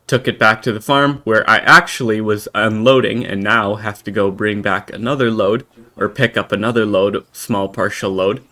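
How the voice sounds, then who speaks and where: An American man giving in-character roleplay commentary while playing a farming game, halting and rambling with many restarts. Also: lowish voice, bright, forceful tone. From United States. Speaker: game roleplayer and channel host.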